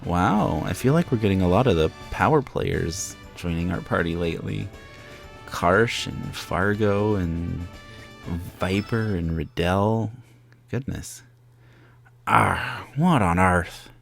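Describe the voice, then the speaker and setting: A man with a deep voice and plenty of vocal fry chats casually as he hosts a let's play. Soft game music runs behind his commentary. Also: slow.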